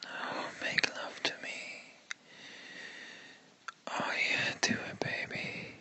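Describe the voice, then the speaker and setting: Slow whispering man, breathy and intimate. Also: sharp tone, poor audio. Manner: slow, sensual, murmuring to a listener. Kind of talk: whispered intimate ASMR roleplay.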